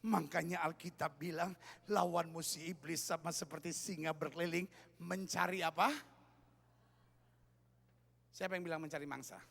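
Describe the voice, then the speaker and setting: Pastor guy preaching, gravelly, acts out voices, big church hall. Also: a little high, normal speed, pauses often. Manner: lively joking preacher, acts out quoted voices. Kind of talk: sermon.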